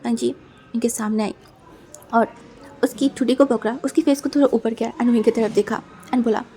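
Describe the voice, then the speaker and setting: A woman's voice: fairly high pitch, steady tone, normal speed, dark tone. A woman casually retelling a fan fiction story, often repeating words and mixing in English.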